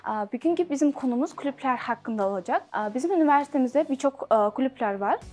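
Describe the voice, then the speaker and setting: A young woman student presenting in halting, broken, Turkish. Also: sits high, animated, a little mellow, faint music behind. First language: not Turkish. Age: young adult. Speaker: university student. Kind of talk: presentation to camera.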